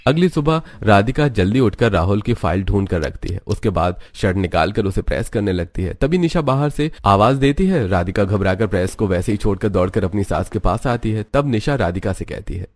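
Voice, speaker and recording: A man narrating a family cartoon story in a steady scripted storytelling way. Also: on the low side, brisk, few pauses, dry recording.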